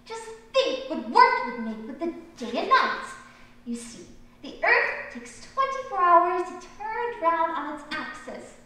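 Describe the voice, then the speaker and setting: A prim, bewildered young girl, played by a woman, speaks slowly with a very high, bright and lively voice. She is caught from far off in a very echoey school hall. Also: full character voice. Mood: exasperated. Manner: prim, earnest and exasperated. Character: polite, bewildered young girl, easily exasperated. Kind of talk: stage play acting. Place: school stage in an auditorium.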